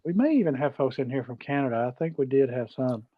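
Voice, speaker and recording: A middle-aged or older man from Georgia, United States, with a Southern US accent, co-hosts a livestream and chats in a folksy, casual way, greeting viewers and repeating himself. His voice is medium-pitched and expressive, and he talks fast. The close audio sounds dull and dry.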